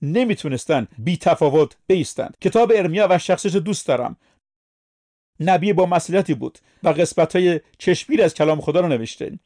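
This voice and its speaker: High-voiced man preaching a sermon. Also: animated, mellow. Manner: emphatic, asks the listeners questions.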